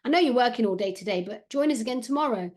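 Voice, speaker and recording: Woman putting on a high-voiced eager schoolboy, cheeky, storybook narration. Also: lively intonation, quick pace, close to an everyday voice. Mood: upbeat. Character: eager cheeky British schoolboy, around thirteen.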